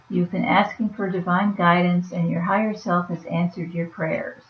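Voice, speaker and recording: Woman reading oracle cards w a weak tired voice, soft-spoken offhand asides, echoey room. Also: lowish voice. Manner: soft-spoken, reads then comments offhand. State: weak, fading voice. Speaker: oracle card reader. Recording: roomy, dull lo-fi sound.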